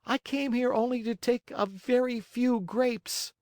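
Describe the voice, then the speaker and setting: A man's voice: high voice, moderate pace, a little mellow, no echo, studio quality, pitched above the performer's own voice, natural voice. A man voicing a naughty wooden marionette boy in a storybook, thin and childlike, whining and pleading. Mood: panicked.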